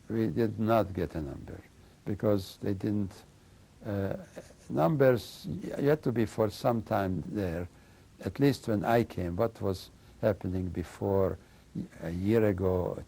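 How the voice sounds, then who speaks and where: An older man giving oral history testimony, halting as he searches for words and often adding "you know.". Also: on the low side, vocal fry, dark tone, slightly rough. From Slovakia and Hungary. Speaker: interviewee recounting memories.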